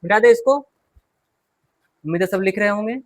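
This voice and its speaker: A man's voice: high voice, normal speed. A man teaching an English pronunciation class, drilling words one at a time and quizzing students to repeat them.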